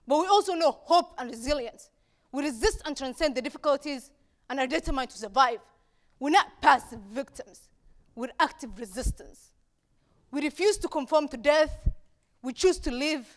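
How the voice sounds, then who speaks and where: A young Somali woman gives a prepared public speech at a campus talk event, standing on a dark auditorium stage. Her voice is high, and she relies on rhetorical repetition with deliberate, measured pauses.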